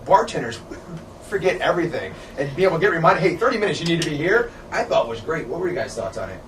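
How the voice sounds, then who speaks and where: A middle-aged show host interviews someone casually in a hotel room with curtains, upbeat and enthusiastic, laughing often and calling people dude. His voice is on the high side and a bit bright, quick, with big pitch swings. The audio is roomy and distant, with noisy camera sound.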